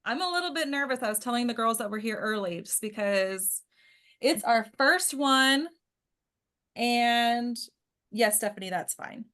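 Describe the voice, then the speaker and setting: The organizer of an acting table read makes casual small talk as people arrive, her sentences trailing off while she sees who's joined. She sounds a little high and a bit bright, with lively intonation and a slightly slow pace.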